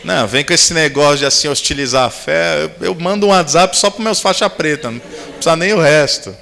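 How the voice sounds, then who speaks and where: Gravelly preacher in an echoing hall. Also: male voice, a little high, fairly quick, pushed and bright. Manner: storytelling, acts out dialogue, humorous asides. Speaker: youth camp preacher, pastor. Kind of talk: sermon with personal anecdotes. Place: large camp meeting hall. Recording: long hall reverb.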